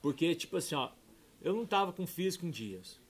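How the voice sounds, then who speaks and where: A middle-aged man, a pastor telling a heartfelt personal testimony, dropping soft and low then rising loud and excited. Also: fairly quick, breathy edge. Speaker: pastor and podcast guest.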